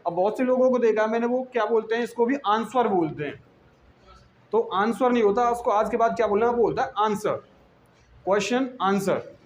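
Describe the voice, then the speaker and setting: A man's voice: sits high, a little hiss or hum, rough recording. A man with an Indian accent teaching English in a classroom lesson, spelling words out letter by letter and answering his own questions.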